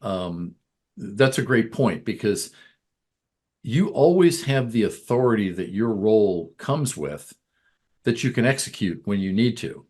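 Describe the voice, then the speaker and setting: A man co-hosting a business podcast who explains his views in a thoughtful, measured way. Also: fairly low pitch, lively intonation, darkish tone. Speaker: podcast co-host, business coach. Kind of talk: casual podcast chat.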